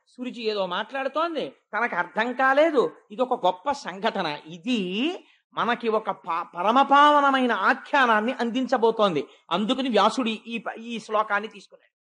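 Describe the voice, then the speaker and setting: A man giving a devotional sermon, telling a sacred story and swinging from hushed tones to emphatic ones, slowing down for stress. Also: very high-pitched. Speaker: devotional discourse speaker.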